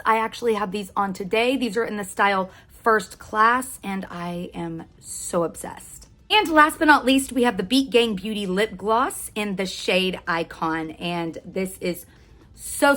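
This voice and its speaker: A woman's voice: mid-range voice, lively intonation, unhurried, a bit bright. An American woman chatting casually as a beauty vlogger, gushing and repeating words for emphasis. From Oklahoma, United States. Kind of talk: casual makeup tutorial chat.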